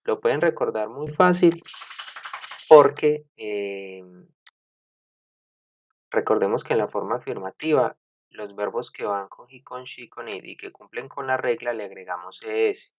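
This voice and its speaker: A man teaching an English grammar lesson, speaking deliberately with frequent fillers, self-corrections and checks with the class. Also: on the low side, a little mellow, no room sound. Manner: deliberate, repeats points and checks with "¿cierto?".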